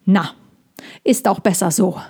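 A woman's voice: medium pitch, unhurried, warm tone, breathy edge. A woman reading a storybook and voicing a blunt, blustering male hedgehog.

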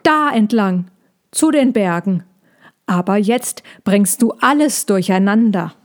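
A woman's voice: medium pitch, animated, takes it slowly. A woman voicing an anxious, fussy male hedgehog in a storybook reading, talking in a fretful, scolding way.

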